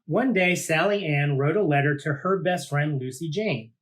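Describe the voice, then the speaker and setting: A male teacher reads a children's picture book aloud, informal and expressive, tossing in casual asides. His voice is a little high and moves at normal speed.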